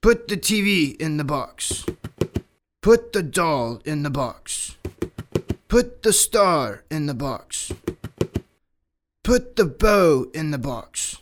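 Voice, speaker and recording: A man voicing a big, teasing bear in a children's story, speaking slowly and low in a teasing way. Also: sing-song, background noise. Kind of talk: children's English-lesson story.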